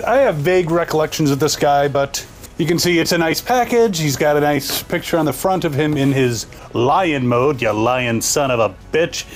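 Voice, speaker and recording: A man hosting a casual toy unboxing review, talking through it with joking, wisecracking asides. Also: fairly high pitch.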